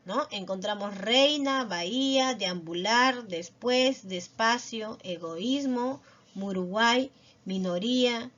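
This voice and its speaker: A woman teacher giving a recorded lesson, explaining slowly and patiently and checking in with little tag questions. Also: on the high side. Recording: dull lo-fi voice recording.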